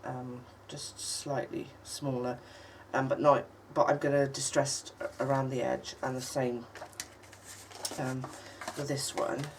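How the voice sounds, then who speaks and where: This casual crafting tutorial comes from a craft channel host whose bass voice stays level in tone, though a lingering cold leaves it husky and croaky. Her explanation wanders and stalls, full of ums and the occasional cough. She's recorded from slightly back, over a faint background hiss.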